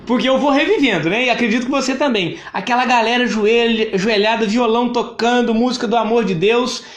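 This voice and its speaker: A man's voice: extremely high pitch, brisk. A man in his thirties with a Brazilian Portuguese accent, giving a personal testimony to live viewers, emphatic and repetitive, often greeting them by name. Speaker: church speaker sharing his testimony. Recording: echoey room.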